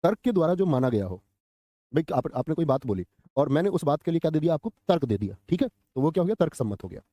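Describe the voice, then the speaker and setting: A young man runs a live online exam class, firing off questions and repeating each answer for the viewers. His voice is mellow and dark, the pitch rising and falling a lot. The room around him is dry and close. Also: sing-song, fast talker, no echo. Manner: quizzing, repeats answers, addresses viewers as friends. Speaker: exam coaching teacher.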